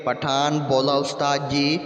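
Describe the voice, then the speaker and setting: A man reading a string of short jokes aloud in a slow, even delivery. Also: on the high side. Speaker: joke reader. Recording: echoey long reverb, dull lo-fi.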